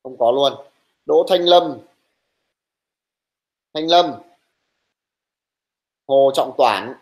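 A young male teacher running an online class, brisk and teasing, who scolds his students bluntly while taking attendance. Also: medium pitch, darkish tone, poor audio.

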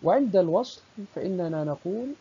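A primary school teacher giving a recorded lesson, speaking slowly and deliberately and stretching out the example words. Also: medium pitch, animated, breathy edge. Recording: dull lo-fi recording.

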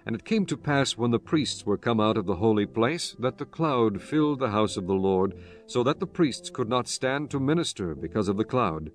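Over background music, a man reads scripture from a script in a measured, formal manner, his mid-range voice expressive.

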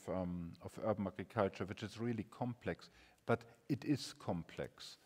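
A man's voice: lowish voice, darkish tone. A man from Germany, speaking on a conference panel in an earnest, wry, emphatic way. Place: large conference hall stage. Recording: reverberant conference hall.

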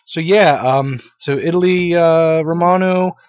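A man's voice: fairly high pitch, measured pace, no room sound. A middle-aged man chats casually, reacting to cartoon characters with blunt, dry opinions and plenty of ums. The sound is close, dry and slightly dull, like a home recording. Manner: blunt, wry, opinionated remarks with frequent ums. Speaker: father reacting to anime characters.

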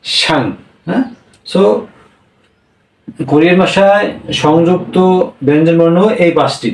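A man with a fairly high voice teaches a beginners' language class, going over each point slowly and repeating it. He sounds a little away from the mic, in an echoey room. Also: a little mellow, distant mic. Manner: explains slowly, repeats points, checks with "হ্যাঁ?". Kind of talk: classroom-style lesson.

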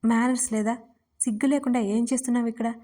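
A woman voicing a feisty, quick-tempered young heroine in a read-aloud romance story. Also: on the high side, steady tone, close to an everyday voice. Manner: sulky, sharp-tongued.

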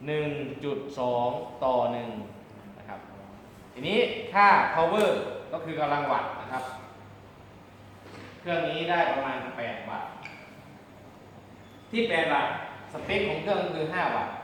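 A man's voice: fairly high pitch, animated, measured pace, pauses often, fairly bright tone. A man giving a hands-on demonstration lesson as an instructor, explaining politely step by step. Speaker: radio communications instructor. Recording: very echoey room, background noise.

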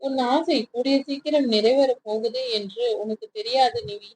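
A woman storyteller reading a romance story aloud in an expressive, dramatic way. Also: on the high side, moderate pace, slight background noise, rough recording. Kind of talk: storytelling narration.

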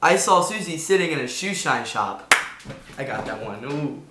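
A young man, around his late teens, hosting a casual home vlog with an informal, halting delivery. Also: a little high, animated, background noise. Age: teens to young adult. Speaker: video host. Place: indoors in a room at home. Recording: echoey untreated room.

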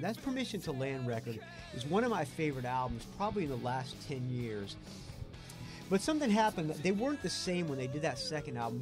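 A man with a Southern US accent hosting a rock podcast, talking in an enthusiastic, rambling way. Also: a little high. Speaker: podcast host. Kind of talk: casual podcast intro and interview. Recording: rock music playing underneath. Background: rock music.

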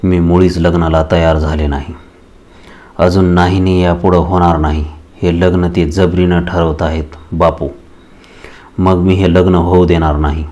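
A man's voice: low voice, flat delivery, measured pace, dark tone. A man voicing a distraught, tearful young village woman in a storybook reading, speaking in a pleading, anguished way.

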